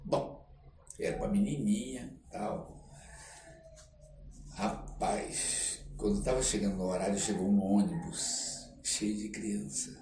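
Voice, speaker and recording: This older Brazilian-accented man, a theatre artist and writer appearing on a podcast, has a low-pitched, darkish voice with fairly even intonation and a slow pace. He tells animated anecdotes casually, acting out quotes and using frequent tag questions. A distant mic captures roomy echo and faint noise.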